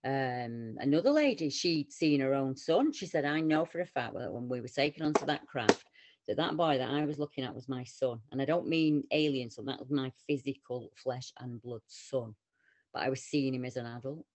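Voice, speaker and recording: A woman with a Northern English accent, co-hosting a casual round-table podcast chat and telling stories in an animated way. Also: extremely low pitch, moderate pace. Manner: animated, lively storytelling with quoted voices. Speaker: podcast co-host.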